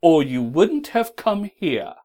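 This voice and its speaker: A woman voicing a grinning, sly male cat in a storybook reading, speaking slowly and loudly with a drawn-out, teasing delivery. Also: lowish voice, sing-song, pitched below the performer's own voice. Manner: slow, drawn-out and loud.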